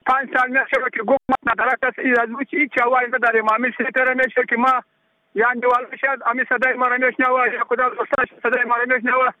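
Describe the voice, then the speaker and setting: A man's voice: extremely high pitch, flat delivery, no room sound. A man from northern Afghanistan making a plain spoken appeal over a radio phone line. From Takhar, Afghanistan. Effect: heard over a radio phone-in line. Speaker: caller to a radio missing-persons program.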